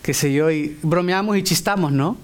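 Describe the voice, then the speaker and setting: A middle-aged man preaching a sermon in an animated way, acting out the voices he quotes. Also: fairly high pitch, moderate pace.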